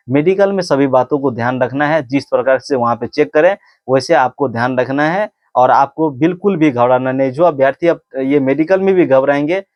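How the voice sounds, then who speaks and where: A man's voice: fairly high pitch, no echo. Earnest man coaching, dull lo-fi sound. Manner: earnest, repetitive advice with many restarts. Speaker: physical test coach. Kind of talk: casual instructional talk to camera.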